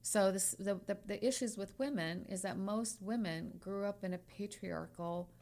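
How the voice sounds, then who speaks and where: With a mid-range, slightly mellow voice at a normal speed, a woman in her sixties talks candidly on the podcast she co-hosts. She's a trial lawyer, and she speaks frankly and emphatically, repeating phrases as she hunts for the right words.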